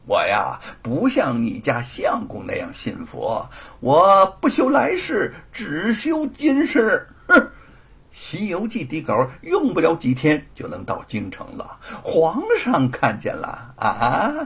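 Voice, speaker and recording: A man's voice: fairly high pitch, huge pitch swings, slow, vocal fry, a bit bright, slightly rough, pitched above the performer's own voice, full character voice. A male storyteller voicing a gloating, cruel middle-aged local tyrant who sneers and blusters. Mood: sneering.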